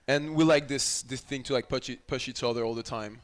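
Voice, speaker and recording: A young man speaks English with a clear French accent, his first language showing in the phrasing. He answers interview questions in a relaxed, animated way and laughs easily. The talk is unscripted and conversational. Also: medium pitch, brisk. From France. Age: young adult. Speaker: college volleyball player guest. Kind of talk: casual interview chat. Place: restaurant livestream.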